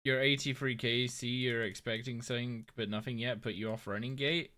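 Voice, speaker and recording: A man's voice: medium pitch, steady tone, brisk, sharp tone. A tired, yawning young man chatting casually on a live game stream, rambling and thinking aloud as he plays. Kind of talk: casual live-stream chat while playing.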